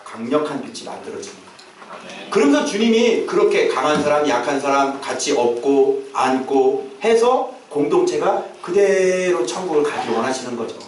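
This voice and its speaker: A pastor delivers a sermon to his congregation, every so often breaking into theatrical, shouted calls. His high voice moves through wide pitch swings in a sing-song pattern at a normal pace. Recorded from afar in a strongly echoing church hall, the audio carries slight background noise.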